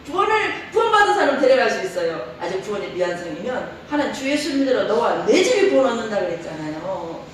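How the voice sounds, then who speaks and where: A middle-aged woman pastor preaching a sermon in a church, lively, laughing often and leading call-and-response. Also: medium pitch, fast, few pauses, a little hiss or hum. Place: church sanctuary. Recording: echoey church hall from far off.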